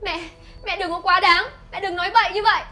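A woman's voice: extremely high pitch, fairly even intonation, quick pace, bright, forceful tone. A woman playing a young pregnant daughter-in-law, pleading and earnest. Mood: upset. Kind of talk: web drama acting.

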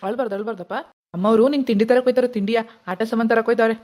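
A performer voicing a gentle, doting grandfather who soothes a crying baby in an animated family drama. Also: medium pitch, racing, heavy background noise, lightly acted. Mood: soothing.

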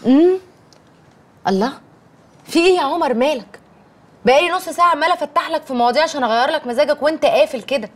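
A woman's voice: high voice, fast, long pauses, natural voice. An actress with an Egyptian accent playing a young wife who coaxes her husband and soothes her mother. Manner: coaxing, soothing, mildly reproachful. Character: chatty young wife, coaxing peacemaker. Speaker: wife and daughter.

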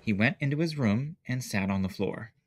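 A man reading a picture book aloud as narrator, with slow, expressive storytelling. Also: mid-range voice.

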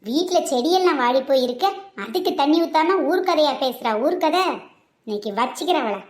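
A nosy mother-in-law who scolds and mutters under her breath, as a woman puts her on for a comedy skit. The voice sits very high and rings in an echoey room. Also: expressive, moderate pace, darkish tone. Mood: grumbling.

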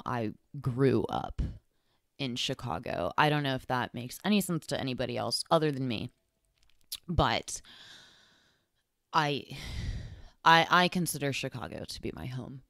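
A young woman with a very deep voice talks slowly through a solo podcast, wandering off and correcting herself as she goes. The sound is dry and close, with no room around her. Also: lively intonation, creaky, no room sound. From Texas. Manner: rambling, lots of fillers and self-corrections. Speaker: podcast host. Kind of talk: casual solo podcast monologue.

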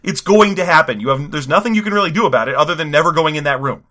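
A man's voice: on the high side, sharp tone. A man co-hosting a podcast, chatting casually and riffing jokes about a game book. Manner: quick, jokey, riffing. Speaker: podcast co-host. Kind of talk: casual comedic chat.

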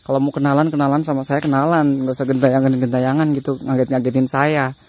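A man's voice: medium pitch, flat delivery, fast talker, a little mellow. A man filming a ghost hunt outdoors at night, nervously muttering prayers and talking to an unseen spirit. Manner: jittery, repeats prayers under his breath, talks to unseen ghost. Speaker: ghost-hunting vlogger. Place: outdoors at night among trees.

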